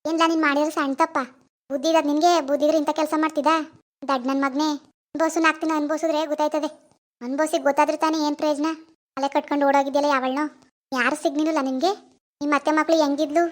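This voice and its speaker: Voicing a cartoon's middle-aged village mother, a woman uses her natural, high-pitched voice in a level tone. The character is furious, scolding and insulting her son in rapid-fire rebukes.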